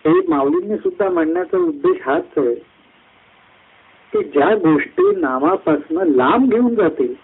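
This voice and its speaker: A man giving a devotional discourse at a satsang, climbing high through lists of words and slowing down on key phrases. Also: wildly swooping pitch, vocal fry. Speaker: satsang speaker. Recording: tinny phone-like line.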